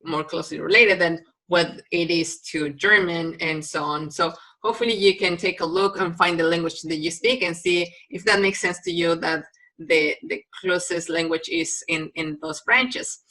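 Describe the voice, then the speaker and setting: This woman from Mexico, a native Spanish speaker with a Mexican Spanish accent, delivers a recorded biology lecture marked by frequent ums and restarts. She talks at a moderate pace in a fairly low, sharp-toned voice.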